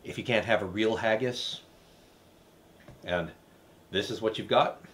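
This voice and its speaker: A man's voice: lowish voice, a little slow, background noise. A man hosting a recipe show, tasting a dish with dry, hesitant, wry asides. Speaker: cooking show host. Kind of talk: casual recipe review.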